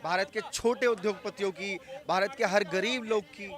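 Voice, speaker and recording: Male reporter, high voice, probing questions, outdoor street vox pop. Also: fairly even intonation, moderate pace, fairly bright tone. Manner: probing, devil's-advocate questions. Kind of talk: news vox pop interviewing.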